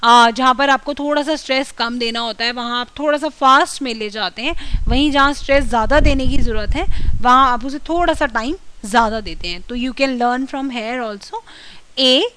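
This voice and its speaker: A woman, an English communication trainer giving a classroom lecture and saying example words slowly and carefully. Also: on the high side, pushed and bright, slight background noise. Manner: explains in mixed Hindi and English, slow careful example words.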